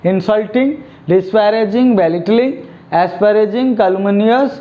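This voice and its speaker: A high-voiced man with an Indian accent gives a vocabulary lesson. He moves slowly through each word and has the class say it back. The recording sounds dull and lo-fi. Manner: drills words, asks the class to repeat them; mixes Hindi and English. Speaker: English vocabulary teacher.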